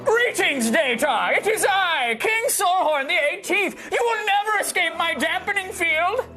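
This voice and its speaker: A man's voice: very high voice, expressive, unhurried, bright, forceful tone, soft background music, voice pushed up, exaggerated voice. A man voicing a pompous giant unicorn alien king, declaiming grandly in a hammy fan fiction table read. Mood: grandly menacing.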